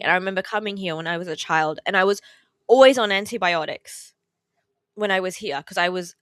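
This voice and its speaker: A tearful woman from Australia chats as a guest in a casual podcast interview, indoors at a relative's house. Her medium-pitched voice is a bit bright, and the studio sound is clean with no echo; she's chatty, heavy on fillers, and laughs through her feelings.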